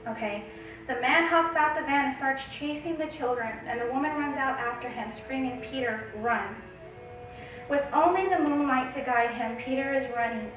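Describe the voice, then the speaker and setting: Echoey high-voiced woman telling a dream. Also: far from the mic. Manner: chatty, often adds a checking "okay?". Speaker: spiritual channeler reading her dream. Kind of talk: casual storytelling narration.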